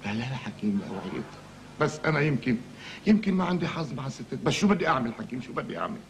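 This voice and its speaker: A man's voice: mid-range voice, expressive, racing, creaky. A Lebanese man acting a brusque psychiatrist who turns out to have no luck with women. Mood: rueful. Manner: impatient, brusque, later sheepish. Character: impatient, luckless male psychiatrist. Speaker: psychiatrist in a comedy series. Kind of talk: comic TV acting. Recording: background noise.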